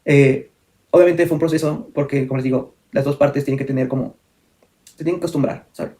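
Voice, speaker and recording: A man's voice: medium pitch, fairly even intonation, fairly quick, dark tone. A young man telling a personal story in a candid vlog, full of fillers and self-corrections. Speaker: vlogger.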